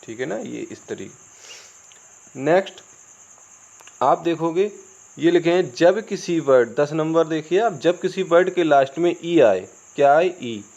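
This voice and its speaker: A man's voice: fairly high pitch, lively intonation, takes it slowly, a little mellow. A man with an Indian accent, a native Hindi speaker, teaching English. He spells words out letter by letter and asks and answers his own questions. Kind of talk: classroom-style spoken lesson. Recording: dull lo-fi recording, crickets behind.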